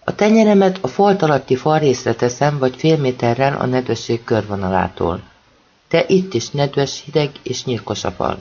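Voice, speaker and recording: A man reading a first-person novel aloud in a steady, measured way. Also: medium pitch, lo-fi sound, slight background noise. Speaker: audiobook narrator.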